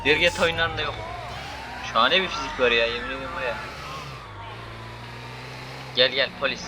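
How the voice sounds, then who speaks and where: A young man giving loud, joking commentary while playing a game, swearing and shouting at the characters on screen. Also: mid-range voice, fairly quick, very noisy. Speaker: gaming YouTuber. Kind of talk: casual gameplay commentary.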